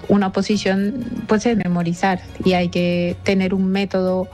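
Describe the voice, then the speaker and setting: A woman's voice: mid-range voice, little pitch movement, normal speed, darkish tone, faint music behind. A woman in her thirties from Colombia, giving a thoughtful testimonial with some hesitation. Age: 30s. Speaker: testimonial guest, civil servant.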